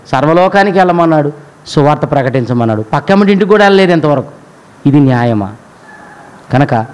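Man, high voice, sermon, rhetorical questions, preacher. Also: a little mellow, low-quality recording. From India.

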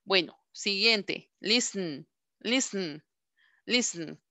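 A woman teacher leads an online class. She patiently repeats each English verb slowly for pronunciation practice. Her voice is bright and clear, recorded dry and close. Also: medium pitch, animated, dry recording.

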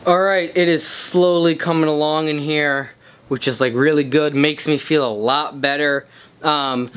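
A man's voice: on the high side, fairly bright tone, clean tone. A young man in his twenties vlogging to a handheld camera, chatting loosely with lots of fillers about his home music studio. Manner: rambling, filler-heavy with lots of "like" and "um". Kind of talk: casual vlog talk to camera. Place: outdoors in an apartment parking lot, then a small home music studio. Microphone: handheld vlog camera close to the face.

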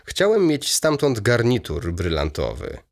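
A man reading an audiobook voices a fussy, excitable aging male baron in a raised, eager, chattering manner. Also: mid-range voice, measured pace.

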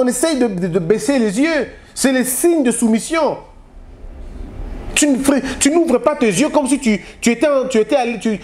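A man's voice: extremely high pitch, a little mellow. A man from Congo, giving a moralizing public address full of rhetorical questions and exhortations. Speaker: speaker on family values.

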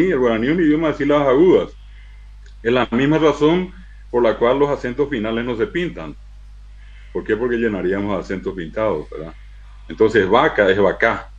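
A man giving a university lecture on language, spelling out syllables slowly and with emphasis. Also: fairly low pitch, dull audio. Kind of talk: lecture to an auditorium.

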